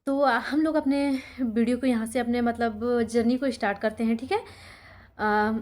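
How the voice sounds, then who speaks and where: A young woman from Sultanpur district, Uttar Pradesh, India, a teacher and YouTuber, casually tells her viewers her life story, often checking in with them along the way. Her voice is on the high side with fairly even intonation, a moderate pace, and a darkish tone.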